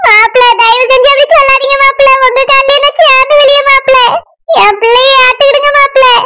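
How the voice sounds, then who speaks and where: Woman doing a shrill pleading village mother. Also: fairly even intonation, quick pace, bright, forceful tone. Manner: begs and repeats terms of respect. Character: pleading mother of the daughter-in-law, older woman. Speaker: mother begging her in-laws.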